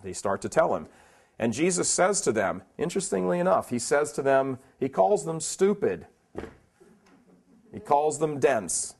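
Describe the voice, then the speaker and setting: A man's voice: fairly high pitch, sing-song, a little slow, gravelly, darkish tone. Emphatic man preaching at a conference. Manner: emphatic, rhetorical questions, plainspoken asides. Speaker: conference speaker.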